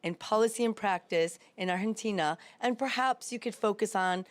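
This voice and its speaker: A woman's voice: mid-range voice, moderate pace. A woman moderating a panel, politely thanking and introducing the speakers.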